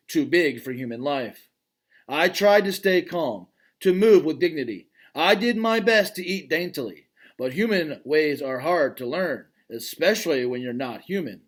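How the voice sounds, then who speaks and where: With a fairly high-pitched voice, a man reads a children's novel aloud in the role of its gentle, thoughtful male gorilla narrator, keeping his delivery calm and reflective.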